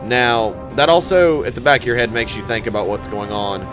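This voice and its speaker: A man's voice: medium pitch, expressive, a little fast. A man giving casual, geeky, enthusiastic commentary while playing through a video game. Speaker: gamer commentator. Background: loud game music and vehicle sounds.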